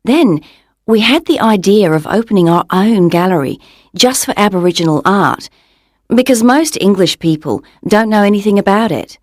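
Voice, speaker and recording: A woman's voice: medium pitch, lively intonation, moderate pace, dry recording, clean studio sound, natural voice. A woman reading as a chatty Australian gallery owner. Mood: friendly. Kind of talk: scripted coursebook monologue. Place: dry studio booth.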